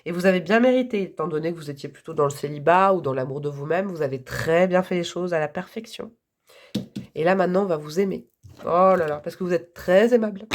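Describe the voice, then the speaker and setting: A hoarse woman giving a casual, enthusiastic tarot reading to her viewers, chatty and quick to laugh. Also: on the low side. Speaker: tarot reader.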